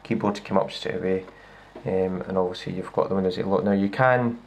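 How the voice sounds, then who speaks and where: A tech reviewer with a low, gravelly Scottish voice gives a casual hands-on demo at a wooden table indoors, talking briskly. He's relaxed, full of fillers and restarts, and a handheld camera films his laptop screen while picking up slight background noise.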